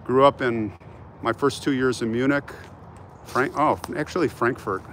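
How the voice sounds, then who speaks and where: An older American live-stream host chats with viewers in a large open cemetery, walking and switching between remarks. His voice is medium-pitched and fairly bright at normal speed. He records on a handheld phone at arm's length, and noisy outdoor urban ambience is audible.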